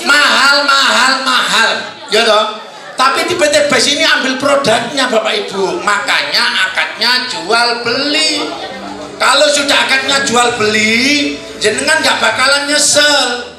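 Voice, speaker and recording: High bright man exhorting in an echoey hall. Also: unhurried, soft background music. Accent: East Javanese. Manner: exhorting, quizzes the audience, bursts into shouts. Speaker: seminar presenter. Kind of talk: motivational sales seminar talk. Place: hotel seminar hall.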